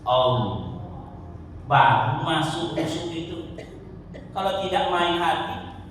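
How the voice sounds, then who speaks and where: A man preaching a sermon in a lively, joking way, sometimes chanting his phrases. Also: a little high, slow. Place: mosque. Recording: echoey hall from far off, faint noise.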